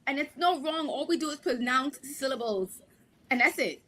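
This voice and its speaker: A woman's voice: sits high, moderate pace. A woman in her forties from Brooklyn with a Guyanese-tinged Brooklyn Caribbean accent, telling a story as a panelist. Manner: animated storyteller, acts out quotes. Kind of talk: casual panel discussion.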